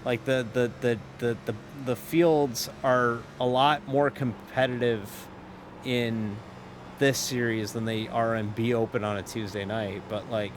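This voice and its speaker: A man live-streams a sim race with casual chatter, his mid-range voice steady against background noise. He wanders off on tangents between calls about the driving, cuts himself off, starts sentences over and laughs easily.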